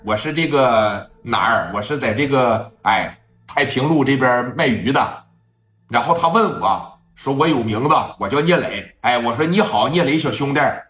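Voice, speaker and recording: A man's voice: mid-range voice, fairly bright tone, close to an everyday voice. A man playing an aggrieved middle-aged fish seller. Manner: complaining, indignant. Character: fifty-year-old fish seller, aggrieved and stubborn. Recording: echoey room, faint music.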